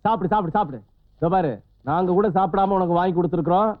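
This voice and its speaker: A man plays a small-time kidnapper who bullies and blusters in a high-set voice. The film audio is dull and lo-fi. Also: racing, natural voice. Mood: threatening. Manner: gruff bullying bluster. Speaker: comic film character. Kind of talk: comic film dialogue.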